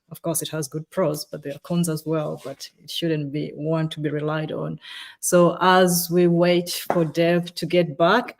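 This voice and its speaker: A woman with a Ugandan accent co-hosting a live webcast, chatty and upbeat, greeting viewers and reading out their comments. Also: lowish voice. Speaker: webcast co-host.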